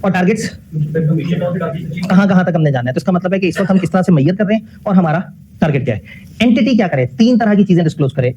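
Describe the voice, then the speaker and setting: A man's voice: sits high, warm tone, lo-fi sound, a little hiss or hum. A man giving a classroom lecture. He puts questions to the class, answers them himself, and mixes English technical phrases into his talk.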